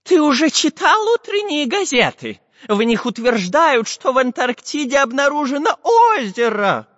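A shrill, excited old professor. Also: male voice, measured pace, no echo, muffled recording, exaggerated voice. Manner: shrill, breathless, shouting excitedly. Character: excitable elderly male professor geographer.

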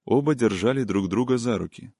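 A man narrating an audiobook of classic prose in a measured, calm storytelling manner. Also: medium pitch, breathy edge, no echo, clean studio sound.

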